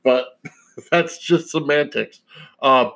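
A man's voice: on the high side, slow pace, gravelly, a bit bright. A man hosting a podcast alone, giving a casual opinion monologue in a rambling, digressive way. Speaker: podcast host.

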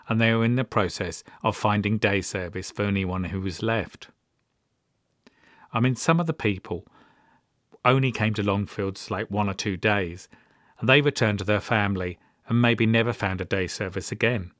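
A middle-aged British podcast host tells personal stories in a monologue, his manner dry, wry and understated. His voice is on the low side and fairly bright, delivered at normal speed with no room sound.

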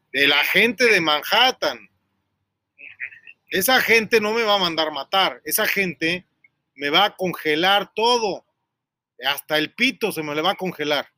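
A Mexican man with a high, bright voice rambles through a profane, joking story on a radio talk show. He sounds close to the mic in a dead, dry space. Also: no room sound.

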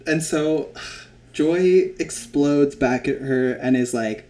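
A man's voice: on the high side, slow pace, warm tone. A man hosting a casual podcast, recapping a scene and acting out the quotes. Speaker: podcast host.

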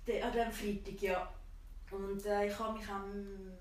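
A female guest with a Swiss German accent recounts a personal story in conversation, acting out quoted dialogue and laughing often. Her medium-pitched voice stays level and measured, with slight background noise, captured by a distant mic in an echoey room.

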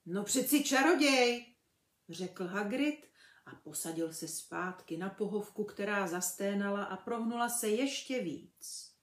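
Expressive woman reading a storybook aloud. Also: medium pitch, reverberant. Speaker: reader of children's books. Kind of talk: reading a novel aloud to children.

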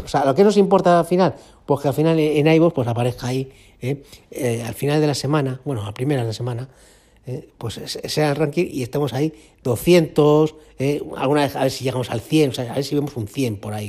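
A man's voice: medium pitch, mellow, husky. A man hosting a casual podcast, talking in a rambling, self-mocking way with many fillers and restarts. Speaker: podcast host.

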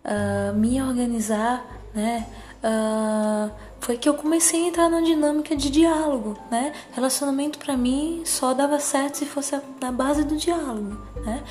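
A woman with a cutesy, soft voice giving a reflective personal monologue in a gentle, hesitant manner, often adding little tag questions. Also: high voice, fairly even intonation, moderate pace, faint music behind. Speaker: psychologist.

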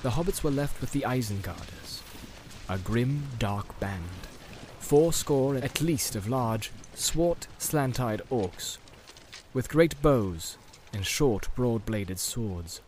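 A man's voice: medium pitch, expressive, a little mellow, a little hiss or hum. Man narrating a fantasy audiobook. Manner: measured, dramatic storytelling. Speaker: audiobook reader.

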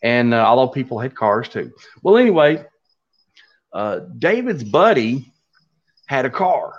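Middle-aged male storyteller, Appalachian Kentucky accent, halting and folksy delivery, muffled low-fidelity recording. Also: sing-song. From Kentucky, USA. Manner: folksy, halting, unhurried telling. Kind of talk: casual oral storytelling. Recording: dull lo-fi audio.

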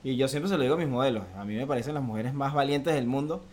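A man's voice: mid-range voice, fast, a little mellow. A young Venezuelan man talking casually as a podcast guest, chatty and laughing while he eats spicy wings. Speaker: guest photographer. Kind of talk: casual interview chat.

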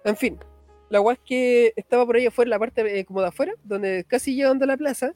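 Fast-talking young Chilean man, high voice. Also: a little mellow, dry recording, faint music behind. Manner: fast slangy storytelling, frequent "cachai" tags. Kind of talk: casual storytelling chat.

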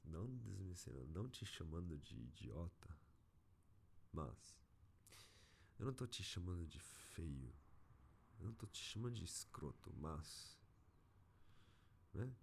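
A man's voice: deep voice, sing-song, unhurried, vocal fry, pauses often, a little mellow, slight background noise. A man with a Brazilian Portuguese accent, venting in a casual, slangy monologue as an agency owner fed up with clients. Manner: frustrated, slangy, exasperated.

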